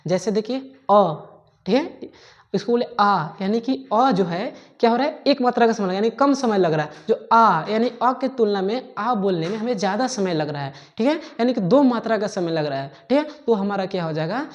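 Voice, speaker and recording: A woman teacher dictates a grammar lesson at a steady, unhurried pace. She repeats every definition and keeps checking in with small fillers so her students can keep up with their notes. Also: medium pitch, lo-fi sound. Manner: repetitive, dictating slowly, frequent checking fillers.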